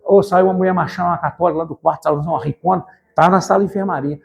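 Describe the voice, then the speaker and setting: A male evangelical preacher, speaking in a high voice at a rapid clip. He talks straight to the congregation with fervent emphasis and climbs into shouts. The sermon is delivered in a church. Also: fairly even intonation, gravelly.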